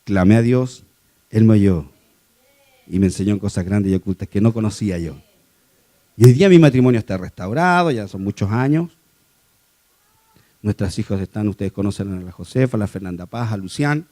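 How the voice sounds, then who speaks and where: A man preaching a sermon to his congregation, moving between quiet personal testimony and raised, emphatic exhortation. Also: on the low side, expressive, moderate pace, long pauses. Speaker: lay preacher.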